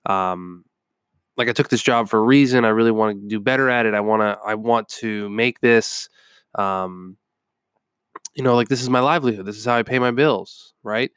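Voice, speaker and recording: A young adult man with a stuffed-up cold hosts a podcast, rambling through a personal story with many ums. His lowish voice is fairly bright, clear and resonant at a normal pace, recorded in a clean studio with no echo.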